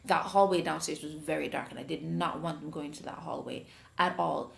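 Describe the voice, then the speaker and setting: Her voice sits low with vocal fry, and she speaks fairly quickly: a woman with a Jamaican accent hosting a podcast. She tells a story casually, animated and acting out the voices. An echo from the room colors the recording.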